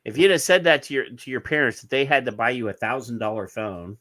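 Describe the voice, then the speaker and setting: A man's voice: medium pitch, fast talker, bright, forceful tone, no room sound. Middle-aged guy on a podcast, sarcastic rambling, dry mic. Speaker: podcast co-host. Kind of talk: casual chat.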